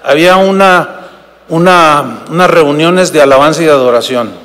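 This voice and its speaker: An older Mexican pastor preaching in a raised, high-pitched voice. He is emphatic, repeats his phrases and keeps calling the congregation brothers. His words ring out with the long reverb of a large hall. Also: moderate pace, a bit bright. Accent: Mexican Spanish. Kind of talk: sermon with storytelling.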